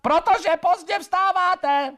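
Brief: man doing a high-voiced, nagging older lady for a comic sketch. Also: lively intonation, fairly bright tone. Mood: exasperated. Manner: fussy, scolding, exclaiming. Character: chatty fussy older woman, housewife type. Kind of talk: comedy sketch acting.

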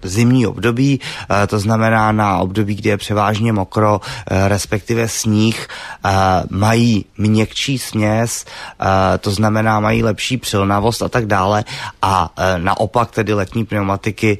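Expert guest, male, low voice, halting delivery full of "eh"s, dry studio sound. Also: steady tone, creaky, no room sound. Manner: hesitant, many filler sounds. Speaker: tire test expert guest. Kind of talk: radio call-in advice. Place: radio studio.

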